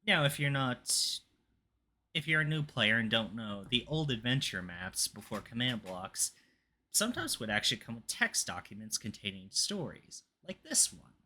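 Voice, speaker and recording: A young adult hosting a gaming let's play, giving commentary and reading story text aloud in a halting, amateur dramatic way. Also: mid-range voice, big pitch swings, sharp tone, slight background noise. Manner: halting when reading, stumbles and repeats phrases.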